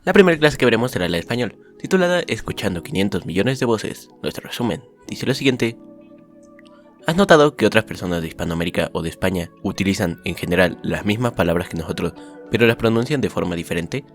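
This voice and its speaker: A man reading out a summary of the day's school lessons as scripted narration, upbeat at the start, then steady. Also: fairly low pitch, fast, faint music behind. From Mexico.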